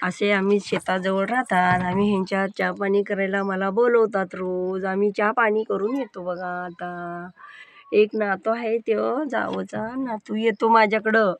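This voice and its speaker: A woman's voice: mid-range voice, steady tone, measured pace, slight background noise. An older woman chatting casually as she shows around her village and fields outdoors, pointing things out as she goes. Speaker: vlogger showing her village. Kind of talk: casual village tour chat. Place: outdoors on a farm road.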